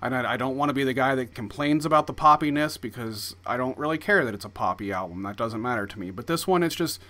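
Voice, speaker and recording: A man's voice: mid-range voice, expressive, fast talker, sharp tone. A young man hosting a casual chat in a small home studio, rambling with many fillers and restarts. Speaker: podcast host.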